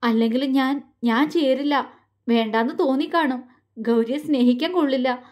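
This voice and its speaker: A woman's voice: sits high, normal speed, darkish tone, natural voice. A woman voicing a heartbroken young woman in love, speaking in a faltering, tearful way. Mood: stunned.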